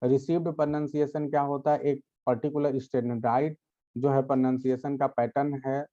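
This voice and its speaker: Mellow-voiced man teaching a class. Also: mid-range voice, flat delivery, normal speed, muffled recording. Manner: patient, repeats "okay" to check understanding; addresses students directly, gently scolding. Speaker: English grammar teacher. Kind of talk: explanatory lecture to a class.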